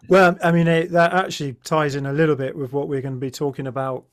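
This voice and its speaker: A man's voice: on the high side, steady tone, fast. Hesitant male podcast host. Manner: hesitant, many fillers and restarts. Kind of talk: casual interview chat.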